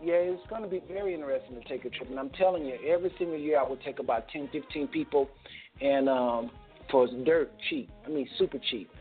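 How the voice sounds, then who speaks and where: Over a tinny phone line, a man with a fairly high voice hosts a phone interview at a fast clip, with soft background music. His style is folksy and chatty, and he often cuts in on his guests.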